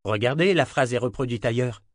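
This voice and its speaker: A man voicing a calm young seeker. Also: mid-range voice, fairly quick, no echo, clean studio sound, close to an everyday voice. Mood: questioning.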